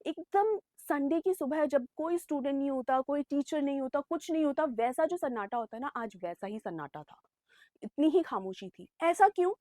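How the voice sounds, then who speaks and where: A young woman teaches an English chapter to exam students in a high voice, recorded dry and close. She mixes English phrases into her explanation and calls the students "beta". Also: animated, normal speed, warm tone, no room sound. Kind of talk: online exam-prep lesson.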